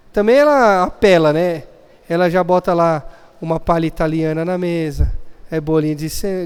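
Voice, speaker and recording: Male pastor, high and clear voice, storytelling sermon, long church reverb. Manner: storytelling, acting out family scenes. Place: church hall.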